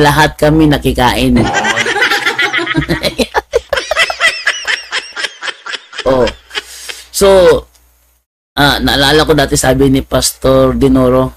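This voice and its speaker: Animated man telling stories. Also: on the high side, a little hiss or hum. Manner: animated, laughing, mimics voices. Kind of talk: humorous storytelling talk.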